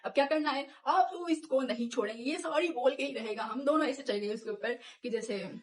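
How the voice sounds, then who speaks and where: A young woman vlogger telling a personal story in casual chat, animated and laughing often, acting out what people said. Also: high voice, a little fast, a little hiss or hum. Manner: animated, laughs often, acts out quoted lines.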